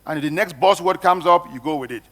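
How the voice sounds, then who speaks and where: A man's voice: on the high side, fairly quick. A man from Cameroon moderating a panel discussion, speaking emphatically and repeating phrases for effect.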